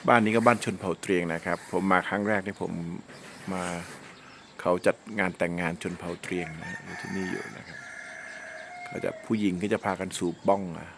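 Talkative male vlogger in loud wind. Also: deep voice, steady tone, a little fast, creaky. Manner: blunt, talkative, uses polite particles. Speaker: travel vlogger. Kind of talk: casual travel vlog narration. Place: outdoors on a rural mountain road. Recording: loud wind noise on the mic.

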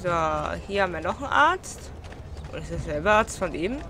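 A woman's voice: medium pitch, big pitch swings, a little fast, bright, forceful tone. A young woman giving casual gameplay commentary, blunt and grumbling to herself. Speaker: let's player. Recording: clear background game noise. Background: game street ambience.

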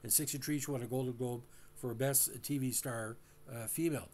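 A man talks through a classic TV episode, stopping often on "uh" and restarting his sentences. His voice sits at an ordinary middle pitch, and he speaks casually, now and then addressing the audience. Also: steady tone, a little mellow. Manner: halting, many uh fillers and restarts; addresses listeners directly. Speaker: host. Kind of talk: casual recap and commentary.

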